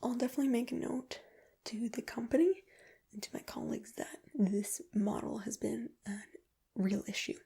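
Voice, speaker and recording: Soft-spoken woman in a soft ASMR ASMR role-play. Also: on the high side, normal speed, creaky, breathy edge. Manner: gentle, reassuring personal attention. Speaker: ASMR performer playing an ear examiner.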